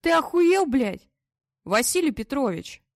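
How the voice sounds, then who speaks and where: Audiobook: woman doing a trapped young cop calling for help, urgent and high, animated pitch. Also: normal speed, no room sound, studio quality. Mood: desperate. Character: trapped, desperate young male police detective.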